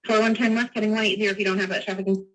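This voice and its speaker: A woman's voice: medium pitch, flat delivery, rapid-fire, poor audio. A woman air traffic controller, heard over an air traffic control radio transmission, giving terse, urgent traffic instructions in clipped radio phraseology.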